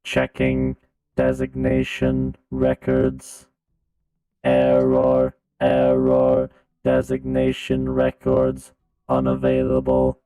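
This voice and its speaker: A man's voice: a bass voice, completely flat delivery, slow, warm tone, rough recording. A man voicing a malfunctioning robot drone, a glitching machine that keeps repeating error messages in a tabletop game.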